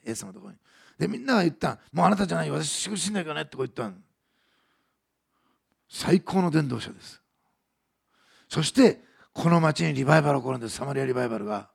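A man preaching a sermon in a very gravelly, husky voice that sits a little high. He talks fast and earnestly, dropping to hushed tones and then rising to emphatic declarations. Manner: earnest preaching, swings between soft hushed lines and raised emphatic ones. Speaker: pastor.

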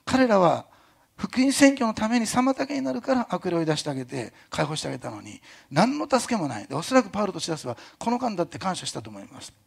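A male pastor preaching a sermon in a lively conversational way, with jokey asides and a hint of a Kyushu dialect. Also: sits high, quick pace, gravelly, husky. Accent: Kyushu dialect touches. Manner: animated, jokey asides, imitates other pastors.

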